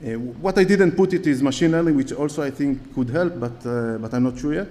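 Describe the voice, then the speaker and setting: Standing at a lectern in a big conference hall, an Israeli-accented male conference speaker delivers a talk with audience questions. His mellow, mid-range voice moves a little fast, broken up by many fillers and false starts, and the room adds long reverb.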